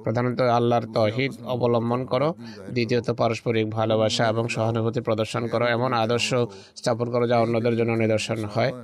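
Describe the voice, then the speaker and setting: A man preaching a sermon in a steady, flat delivery that barely rises or falls. He speaks in measured, exhortative phrases and pauses over his words, with an occasional stumble and restart. His voice sits at an ordinary middle pitch for a man. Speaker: religious speaker.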